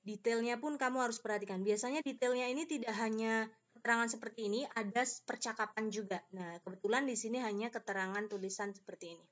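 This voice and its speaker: A woman's voice: fairly high pitch, fast talker. Patient woman teacher, slightly muffled. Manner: patient, explains step by step. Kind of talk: classroom lesson for children. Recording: slightly dull lo-fi audio.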